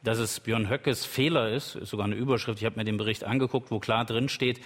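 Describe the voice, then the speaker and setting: A man's voice: on the low side, fairly even intonation, brisk. Combative man debating in a hall. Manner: assertive, combative, with hesitation sounds. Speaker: party politician in a panel debate. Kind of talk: televised panel debate. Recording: hall with long reverb.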